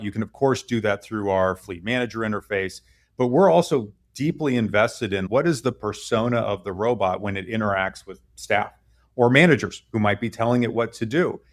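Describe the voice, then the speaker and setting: A man speaking as a guest head of product, explaining fluently and checking in with "right?". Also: mid-range voice. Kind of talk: interview explanation.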